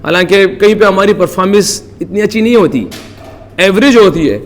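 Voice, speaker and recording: A man's voice: sits high, in a large hall. A man from Pakistan, a cricketer, giving earnest, devout answers at a press conference. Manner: earnest, devout, many religious phrases.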